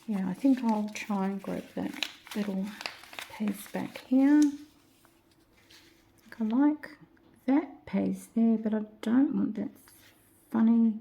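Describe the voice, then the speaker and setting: A woman hosting a craft tutorial, chatting to herself as she works and often dropping into soft whispers. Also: on the high side, slow, gravelly, long pauses, a little hiss or hum. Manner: chatty, talks to herself while working, drops into soft whispers. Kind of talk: casual craft tutorial narration.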